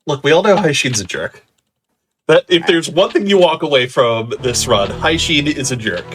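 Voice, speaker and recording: A man commentating on a speedrun, calmly explaining the game's rules with frequent ums. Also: a little high, normal speed. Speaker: guest commentator. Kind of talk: explaining game mechanics. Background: game music.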